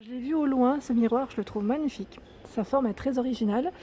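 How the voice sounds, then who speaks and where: A woman's voice: high voice, fast talker, warm tone. A woman with a French accent chatting enthusiastically as she walks through a store and reads out prices and sizes. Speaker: shopping vlogger. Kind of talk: casual store walkthrough. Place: large home improvement store, indoors.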